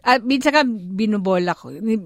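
A woman's voice: medium pitch, moderate pace, no echo, studio quality. A middle-aged woman from the Philippines, hosting a casual radio chat with a laughing, storytelling manner. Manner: chatty, laughing, animated storytelling. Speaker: radio host. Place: radio studio.

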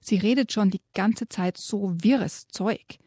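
A grumpy female kobold from a children's storybook mocks and snaps, as a woman reads her lines. Her voice is husky and mellow, recorded dry. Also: mid-range voice, slow, no echo. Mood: scornful. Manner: snappish, scornful. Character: grumpy female kobold, sharp-tongued and mocking. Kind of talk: reading a children's book aloud.

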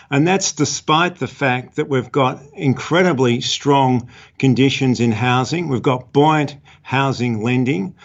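A man explaining markets as an interviewed fund manager, measured and halting with repeated words, on lo-fi audio. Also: medium pitch.

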